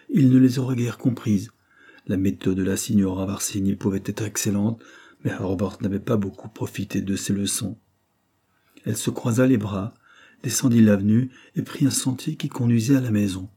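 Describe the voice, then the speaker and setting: A man narrating a classic novel as an audiobook, reading in a steady, measured way. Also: on the low side, breathy edge.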